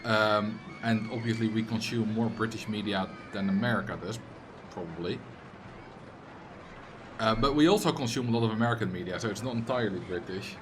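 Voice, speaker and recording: Over a noisy background, a young man from the Netherlands streams a game and talks fairly quickly in a low-leaning voice with a Dutch accent. A native Dutch speaker, he casually comments, reads viewer chat aloud, trades jokes and at times unleashes loud, exasperated rants.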